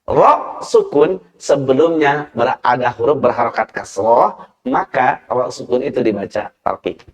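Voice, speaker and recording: A man's voice: mid-range voice, measured pace. A man teaching Quran recitation rules on a televised lesson, patiently repeating and sounding out letters as examples. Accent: Indonesian.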